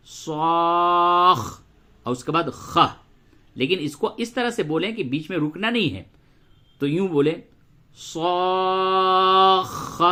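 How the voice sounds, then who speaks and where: A man teaching Quran reading and tajweed, explaining letter sounds and drawing verses out slowly as he recites them. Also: a little high. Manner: slow drawn-out recitation of verses between brisk explanations; addresses listeners as brother, repeats sounds for drilling.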